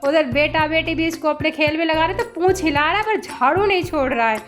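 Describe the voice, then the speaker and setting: A middle-aged woman with a high voice, chatting casually in a home vlog. She narrates her day and scolds her dog fondly. Faint music plays underneath. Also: a little fast, fairly bright tone. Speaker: vlogger and mother. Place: home indoors.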